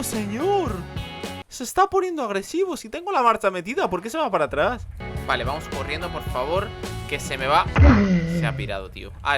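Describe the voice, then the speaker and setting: Excitable Spanish man with lively pitch. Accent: Spain Spanish. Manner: excitable, chatty, jokey, loud outbursts. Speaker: gaming youtuber. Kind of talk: casual gameplay commentary.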